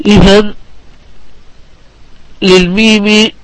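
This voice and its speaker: A man from Palestine teaching the rules of Quran recitation in a deliberate classroom manner, repeating key phrases for his students. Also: sits high, flat delivery, no room sound, rough recording. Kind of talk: religious lesson on recitation rules.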